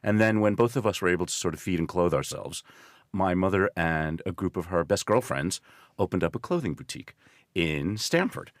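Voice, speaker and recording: With a deep, animated voice at a slightly fast pace, this northeastern American man in his sixties speaks as an interview guest. A journalist and risk consultant, he tells stories in measured, articulate, explanatory conversation, recorded at studio quality with no echo.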